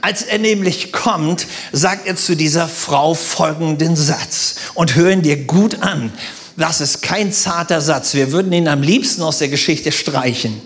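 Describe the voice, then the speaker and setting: A man preaching a sermon as a pastor, telling stories with animated, loud bursts. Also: a little high, unhurried.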